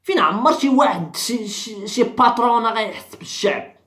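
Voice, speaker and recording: Fast-talking fiery Moroccan man. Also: very high-pitched, animated, bright, forceful tone, echoey room. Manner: fiery, repetitive, rhetorical questions to viewers. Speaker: social commentary vlogger. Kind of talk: impassioned commentary rant.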